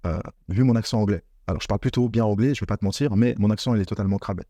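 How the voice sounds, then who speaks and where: A man's voice: on the low side, very fast, warm tone, no room sound. A man giving a motivational talk on business mindset straight to the viewer, earnest and repetitive. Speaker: online business coach. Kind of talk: direct-to-camera motivational talk.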